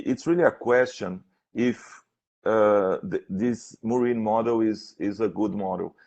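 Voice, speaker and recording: Halting, creaky-voiced man, slow academic questioner. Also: medium pitch, darkish tone. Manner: halting, hesitant, repeats words while searching for phrasing. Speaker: thesis defense examiner. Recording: dull, lo-fi sound.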